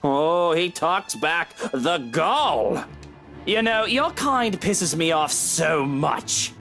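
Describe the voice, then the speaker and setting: Game villain, haughty rich man, sneering and pompous, very animated intonation, faint music underneath. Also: on the high side, heavily acted. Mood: condescending anger. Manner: pompous, mocking, drawn-out. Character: arrogant, theatrical, menacing rich man with a handgun. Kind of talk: video game voice acting.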